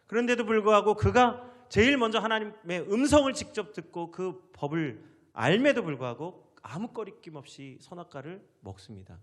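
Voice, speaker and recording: A male pastor delivering a sermon, dramatically acting out the biblical figures' words and dropping to hushed asides. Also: high-pitched, animated, normal speed. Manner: dramatic, acts out biblical voices with sharp rises and drops to near whisper.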